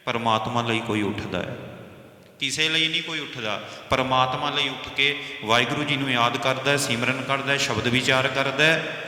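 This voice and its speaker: A Punjabi man teaches scripture in a bright, forceful voice. He chants each verse slowly and then stops to explain its pronunciation. The sound rings in a roomy hall with a long reverb. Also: mid-range voice, fairly even intonation.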